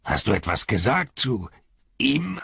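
A man's voice: medium pitch, very animated, measured pace, creaky, sharp tone, slightly rough, no echo, highs cut off, voice pushed up, exaggerated voice. A man doing a raised, alarmed dwarf warrior. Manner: alarmed, exclaiming. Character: agitated gruff male dwarf warrior.

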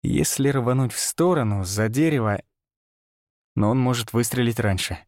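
A man narrating an adventure audiobook in the first person, with expressive storytelling. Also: medium pitch, normal speed, no echo, studio quality.

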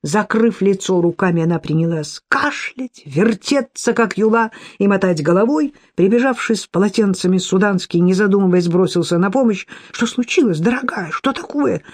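A woman narrates an audiobook in a lively, expressive manner. Her voice sits at a middle pitch. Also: normal speed, hardly any pauses. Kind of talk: scripted narration.

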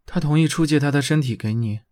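A man playing an uncanny young male shadow double in an audiobook drama, speaking in a low, intimate, coaxing way. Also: fast talker, darkish tone, lightly acted. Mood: quiet, questioning.

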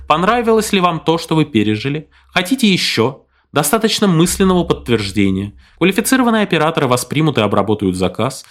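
A man voicing a polished announcer pitching a service. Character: smooth salesy male service announcer.

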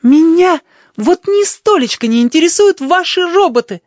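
A man voicing a proud, fiery young woman in a high, indignant tone. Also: lively intonation, normal speed, no echo, dull audio. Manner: haughty, indignant, shrill.

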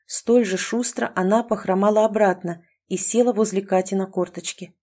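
A woman narrating a story in a steady, scripted storytelling delivery. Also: medium pitch, moderate pace. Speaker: audiobook narrator.

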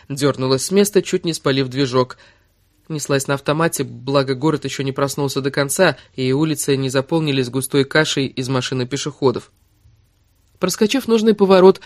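A woman narrating an audiobook with an expressive, dramatic reading. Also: sits low, no room sound, clean studio sound. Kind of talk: scripted narration.

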